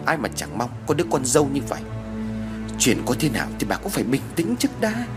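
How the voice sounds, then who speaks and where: A stern older village father, as a male storyteller plays him lectures his family firmly. His delivery rises and falls in lively pitch. Soft music sits beneath the storybook narration. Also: fast talker. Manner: firm, lecturing.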